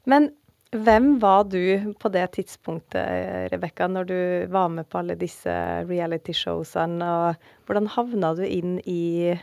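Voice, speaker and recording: A woman's voice: fairly low pitch, steady tone, gravelly, darkish tone, no echo, clean studio sound. A woman hosting a casual interview, prompting her guest with short questions and backchannels. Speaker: interviewer host.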